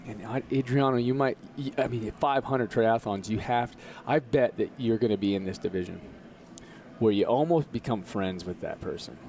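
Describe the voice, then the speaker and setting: A man talking as a podcast guest in casual conversation, earnest and motivational, slowing down to stress his points. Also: medium pitch, darkish tone, slight background noise.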